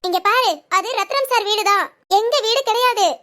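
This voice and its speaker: A performer voicing a bitter, defiant young bride who answers in sharp, curt retorts. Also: very high voice, normal speed.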